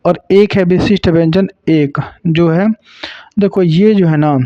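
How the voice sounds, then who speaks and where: A man from Uttar Pradesh teaching a grammar lesson for exam preparation, explaining slowly, repeating sounds and adding jokes. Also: high voice, steady tone, dry recording. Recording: dull lo-fi dry sound.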